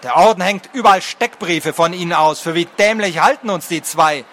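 Man doing a gruff, stern village father. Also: sits high, normal speed, fairly bright tone, a little hiss or hum. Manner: gruff, blunt.

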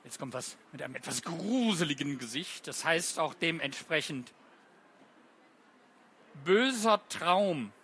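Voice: medium pitch, expressive, a little slow, pauses often, fairly bright tone, slight background noise. An author giving a live poetry reading for children, playful and chatty, quizzing the audience with many questions. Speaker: author reading own poems.

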